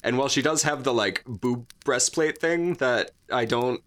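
A man's voice: medium pitch, normal speed, a bit bright. A man co-hosting a podcast, chatting casually in a rambling, jokey way full of fillers and restarts. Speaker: podcast co-host. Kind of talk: casual chat.

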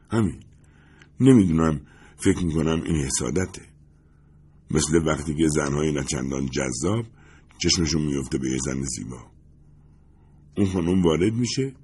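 An effusive, excitable friend pours out praise and confessions in a lifted, eager voice, as a male audiobook reader puts him on. The tone stays husky and rough at the edges, and the pitch swings widely as the talk rambles on. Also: heavily acted. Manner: gushing and rambling, higher and louder than the narration. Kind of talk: audiobook character voice.

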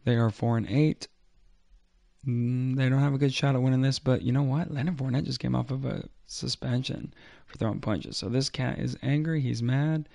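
A man's voice: mid-range voice, fairly even intonation, normal speed, creaky, mellow. A man hosting a fantasy football podcast solo, with casual, slangy sports commentary. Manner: informal, slangy.

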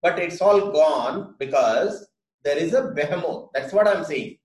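A man with an Indian English accent, making his case in a casual debate, insistent but halting, often seeking agreement. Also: on the high side, animated, a little mellow. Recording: echoey room sound.

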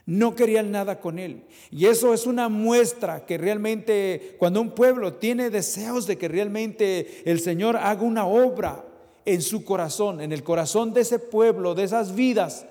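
A male preacher reading scripture and questioning the congregation, moving between loud emphasis and quiet asides. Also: high voice, a little slow. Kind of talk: sermon with Bible reading. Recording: long hall reverb.

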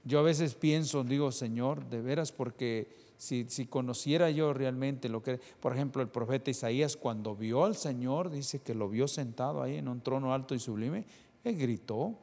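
A male preacher delivering a sermon to his congregation, firing rhetorical questions at them and swinging between soft, low passages and loud, rising ones. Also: normal speed. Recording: long reverb of a hall.

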